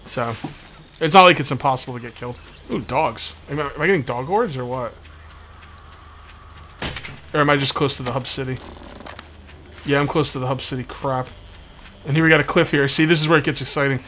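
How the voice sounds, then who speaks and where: This man has a mid-range voice that is bright and forceful, brisk in pace yet broken by frequent pauses. He hosts a video game let's play series and gives casual, rambling commentary, repeating himself with a bitten, sore tongue. The recording has background noise from game ambience.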